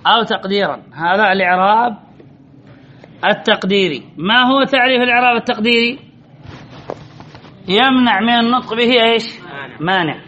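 A male grammar teacher leads a classroom lesson, repeating key phrases and quizzing students with drawn-out words. His voice sits high with a sharp tone, and the audio is dull with slight background noise.

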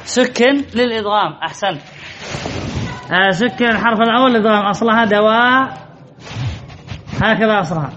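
A man's voice: sits high, muffled recording, noisy background. A man teaching Arabic grammar to a class, quizzing students and repeating key phrases. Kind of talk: classroom lesson with questions to students.

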